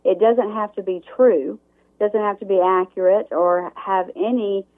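A woman's voice: mid-range voice, fairly even intonation, unhurried. A woman who hosts a morning radio show, a guest on a talk show, speaking emphatically in long run-on sentences. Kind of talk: talk show interview over the phone. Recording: tinny phone line.

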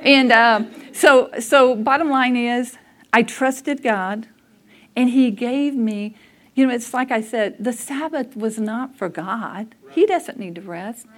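A woman's voice: on the high side, slow. A woman preaching a conversational sermon, telling personal stories candidly and laughing at herself. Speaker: speaker at a church service.

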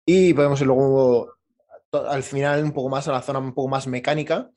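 A man's voice: mid-range voice, steady tone, fairly quick, darkish tone. A man hosting an interview podcast, informally feeling his way through his questions in a conversational style. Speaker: podcast host.

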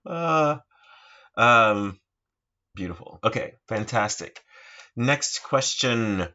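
Man, podcast quiz host, very slow, hesitant, fillers, bright tone. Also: medium pitch, expressive. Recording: dull lo-fi recording.

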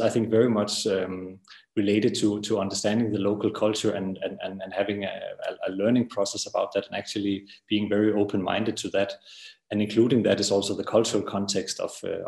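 A man's voice: fairly low pitch, a little mellow, reverberant. A man from Denmark with a Danish accent, speaking as an architect guest in an interview, hesitant with many fillers and repeated words. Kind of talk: interview conversation.

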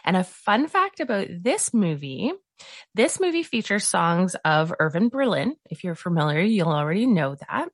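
A woman's voice: fairly low pitch, big pitch swings, moderate pace, no echo, studio quality. A woman hosting a solo podcast in a casual, chatty way, gushing with enthusiasm. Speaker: podcast host.

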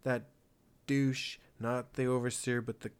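A man's voice: medium pitch, little pitch movement, measured pace, smooth. Young male co-host, loose and rambling, easy laughs, casual swearing. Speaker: gaming podcast host. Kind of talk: casual chat.

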